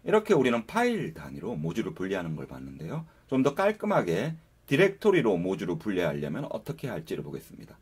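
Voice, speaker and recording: A man's voice: sits low, huge pitch swings, fast, hardly any pauses, a little mellow, slightly rough. A man giving a casual, step-by-step coding tutorial over a screen recording, talking viewers through each step. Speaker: programming instructor.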